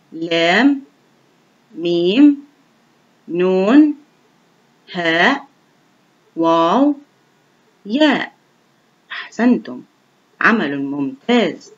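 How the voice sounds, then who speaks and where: A woman teaches young children to read, sounding out each letter slowly and clearly. Her voice rises and falls a great deal as she praises and encourages them. The recording is dull and lo-fi. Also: lowish voice. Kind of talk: online reading lesson for young children.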